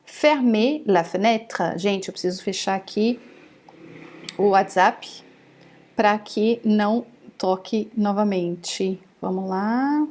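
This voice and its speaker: Slow, careful woman teaching French. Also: medium pitch, a little mellow. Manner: slow, careful modelling of phrases, repeated twice. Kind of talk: online language lesson.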